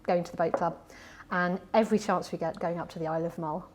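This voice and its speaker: A woman guest in a casual interview during a hot wing challenge, speaking haltingly with many restarts. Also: fairly low pitch, fairly even intonation, noisy background.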